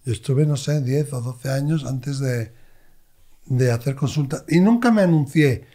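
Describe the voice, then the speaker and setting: A man, a medium, telling expressive stories as an interview guest. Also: mid-range voice, a little slow. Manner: expressive, animated anecdotes. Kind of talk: conversational storytelling.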